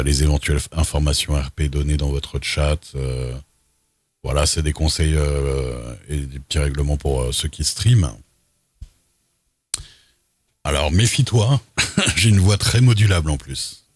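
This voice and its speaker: A man's voice: darkish tone, no echo. A man streaming a role-play game, chatting casually and reading server rules aloud with loose asides, in a voice he calls unusual. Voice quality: unusual, very deep voice. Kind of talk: casual livestream chat while role-playing.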